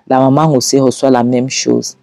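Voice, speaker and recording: Mellow-voiced man recapping a film. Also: medium pitch, level tone, moderate pace, gravelly, faint music behind. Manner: rambling, with frequent restarts. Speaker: movie recap narrator. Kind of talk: casual film recap narration.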